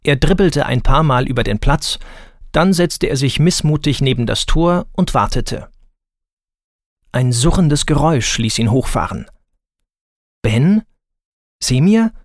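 Slow, deliberate storybook narrator, male. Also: mid-range voice, no echo, studio quality. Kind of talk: scripted children's story narration.

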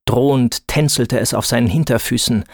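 A man tells a first-person storybook adventure at an unhurried pace and often turns to speak to the listener directly. His voice sits in a middle pitch, and it sounds dry and close to the mic. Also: a little mellow, no room sound.

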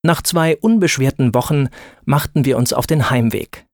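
A man tells a first-person storybook adventure at an unhurried pace and often turns to speak to the listener directly. His voice sits in a middle pitch, and it sounds dry and close to the mic. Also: no echo.

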